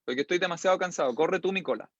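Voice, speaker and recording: A man's voice: high voice, racing, dry recording. A huge monkey sprawled in the road answers in a drowsy, teasing drawl. A man voices him. The sound is dry and slightly dull, lo-fi. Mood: lazy teasing. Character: lazy, mischievous giant male monkey.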